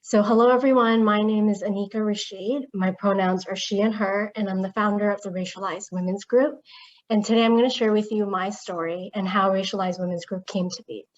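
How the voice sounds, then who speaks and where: A woman's voice: medium pitch, steady tone, brisk. A woman in her thirties, originally from Bangladesh, earnestly telling her personal story as a conference speaker. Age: 30s. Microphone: video call. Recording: dull lo-fi video call audio.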